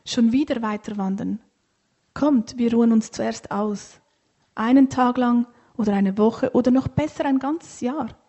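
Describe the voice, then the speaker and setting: A woman voicing a grumpy, tired camel that grumbles and complains in a whiny, drawn-out way for a storybook. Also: fairly high pitch, warm tone, breathy edge. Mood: grumbling.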